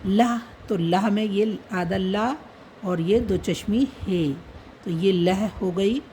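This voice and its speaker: A woman's voice: mid-range voice, takes it slowly, dark tone, a little hiss or hum, rough recording. A woman teaching how to write Urdu letters, patiently naming each letter and dot as she writes. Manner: patient, repeats letter names while writing. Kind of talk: slow step-by-step writing lesson.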